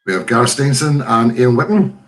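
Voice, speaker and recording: A man's voice: mid-range voice, animated, a little fast. A man hosting a casual live interview in an effusive, encouraging way. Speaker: host.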